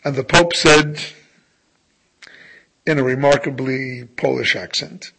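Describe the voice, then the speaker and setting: A male rabbi giving a sermon in a slow, emphatic way, often letting his phrase endings fall soft. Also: medium pitch, fairly even intonation, creaky, low-quality recording.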